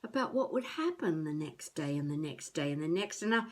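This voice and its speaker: An older actress plays an elderly would-be novelist, musing to herself in a halting, wry, self-mocking video-diary confession. Her female voice is low, with lively intonation.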